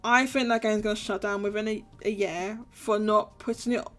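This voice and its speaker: A woman's voice: mid-range voice, steady tone, moderate pace, a bit bright, faint music behind. A woman co-hosting a gaming podcast, talking in casual chat and repeating herself emphatically when worked up. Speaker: podcast co-host.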